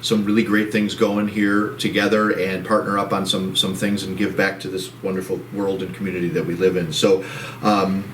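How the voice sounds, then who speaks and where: On a relaxed real estate show for a title company, this co-host talks in a low, flat, moderately paced voice that's soothing and fairly bright, rambling, restarting, and signing off cheerfully. He's picked up by a distant mic in a roomy space with faint background noise.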